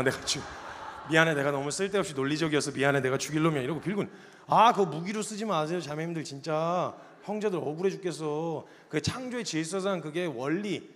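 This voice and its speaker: A man in his thirties preaching with humor, animated and acting out the arguments he describes. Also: a little high, in a large hall, a little hiss or hum. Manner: animated, acts out quoted arguments. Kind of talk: humorous sermon storytelling.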